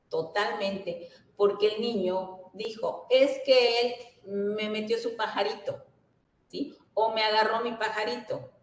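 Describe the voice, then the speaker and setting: Earnest woman in a roomy space. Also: medium pitch. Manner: earnest, often checks in with listeners. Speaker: workshop speaker. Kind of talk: educational workshop talk. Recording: roomy echo.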